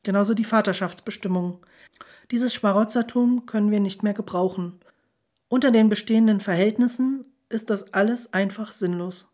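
A woman reading a storybook, voicing a brisk, impatient woman who talks insistently. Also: mid-range voice, a little mellow, natural voice. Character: brisk reform-minded woman, impatient and sharp.

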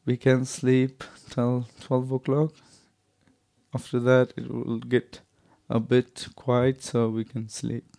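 A man speaks slowly and haltingly, often pausing as he searches for words. His voice is mellow and soft, and it sounds dry and close, with no room sound. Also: medium pitch, monotone, vocal fry, dry recording. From Afghanistan. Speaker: interviewee. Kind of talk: interview answers in English.

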